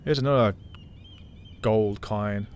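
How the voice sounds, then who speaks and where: A man's voice: on the low side, slow pace, slight background noise. A man doing casual game playthrough commentary, muttering joking asides with some swearing. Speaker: gameplay commentator.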